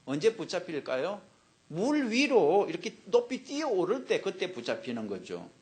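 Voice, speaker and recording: Male pastor, sermon, somewhat high voice, anecdotal, humorous. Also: wildly swooping pitch, moderate pace, a little mellow. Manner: humorous, anecdotal, addresses the congregation directly.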